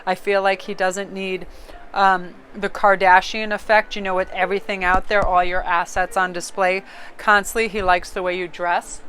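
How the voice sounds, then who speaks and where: A woman's voice: medium pitch, little pitch movement, moderate pace, a bit bright, a little hiss or hum. Chatty woman giving a tarot reading. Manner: chatty and rambling, laughs easily. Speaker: tarot card reader. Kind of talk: casual tarot reading monologue.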